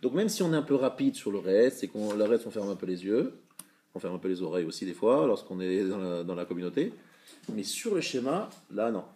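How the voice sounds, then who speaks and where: A man teaching a live religious class, explaining patiently, checking with his students and sounding out words slowly to show them. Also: on the low side, very animated, dark tone.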